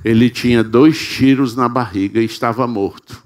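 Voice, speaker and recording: Brazilian preacher telling a dramatic story. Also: male voice, mid-range voice, steady tone, normal speed, darkish tone. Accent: Brazilian Portuguese. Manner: dramatic, emotional narration. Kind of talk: sermon storytelling.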